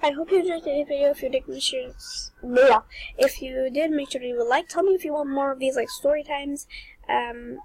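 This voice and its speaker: A young woman tells a storytime on her vlog, chatty and dramatic, filling her sentences with "like". Her voice sits high, and the recording is dry and close. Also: steady tone, moderate pace, a little mellow, no echo, low-quality recording. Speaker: vlogger.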